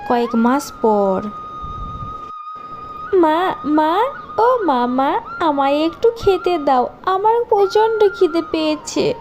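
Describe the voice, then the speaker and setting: A woman narrating a cartoon story in a plain, even storytelling tone. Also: very high voice, slow pace. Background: faint background music.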